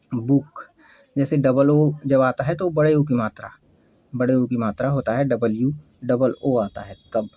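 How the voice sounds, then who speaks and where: A teacher giving a slow English lesson, spelling out words letter by letter and repeating questions to the class. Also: mid-range voice, dark tone, husky, no room sound, lo-fi sound. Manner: patient, repeats questions and answers.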